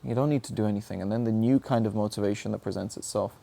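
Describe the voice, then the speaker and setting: A rapid-fire, gravelly voice on the low side with a dark tone belongs to a young man sharing personal reflections. Earnest and searching, his motivational monologue dwells on his own struggles as he repeatedly asks himself questions.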